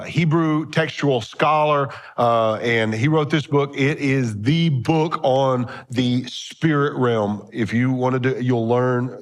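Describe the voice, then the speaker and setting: A male pastor preaching a sermon, reading scripture aloud in old-fashioned wording, then explaining it in everyday speech and asking his congregation questions. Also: medium pitch. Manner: conversational, checks in with "okay?" often; talks directly with the congregation.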